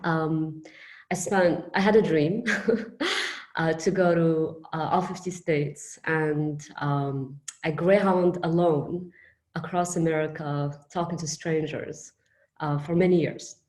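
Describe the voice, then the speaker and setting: A woman from Morocco introducing herself gently, with many hesitant fillers. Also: deep voice, fairly even intonation, slow. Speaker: participant. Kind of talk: personal introduction.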